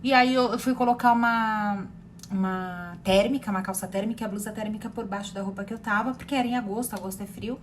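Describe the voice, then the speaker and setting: A woman in her thirties with a Brazilian accent, a therapist telling a personal story in a rambling, animated way with many fillers and repeated words. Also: medium pitch, quick pace, slight background noise. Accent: Brazilian Portuguese. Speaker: therapist sharing personal experience.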